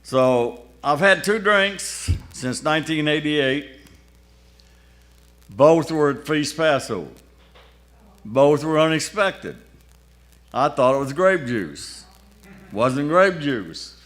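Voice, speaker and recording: A man's voice: fairly high pitch, animated, slow, pauses often, fairly bright tone. An older man, a pastor, telling a personal testimony in a folksy, colloquial, wry way. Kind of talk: sermon testimony storytelling.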